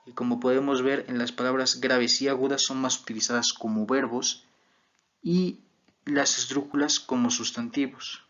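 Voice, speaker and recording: A man, a student, explaining examples in a class presentation, slow and deliberate, with fillers. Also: medium pitch, fairly even intonation, a bit bright, dull audio.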